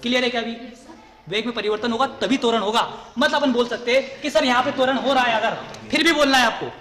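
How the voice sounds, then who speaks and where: A man's voice: extremely high pitch, fast, sharp tone. A man teaching a physics class, often repeating a question and then answering it himself. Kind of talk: classroom lecture. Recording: echoey room with long reverb.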